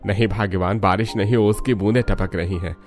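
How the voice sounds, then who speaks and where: A man voicing a poor, resigned cartoon husband who talks calmly and consolingly. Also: lowish voice, a little fast, soft background music, lightly acted. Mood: teasing. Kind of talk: cartoon voice acting.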